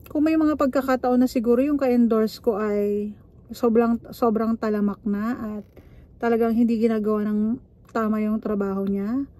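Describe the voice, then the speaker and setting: A woman's voice: a little high, warm tone. A middle-aged woman from the Philippines, a nurse giving frank, assertive advice in a casual monologue, mixing English into her talk. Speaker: nurse vlogger.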